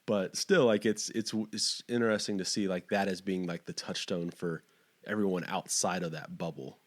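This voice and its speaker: A man's voice: deep voice, steady tone, normal speed. A man from Texas hosting a podcast interview, rambling and searching for his words with many fillers. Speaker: podcast host. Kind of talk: casual interview chat.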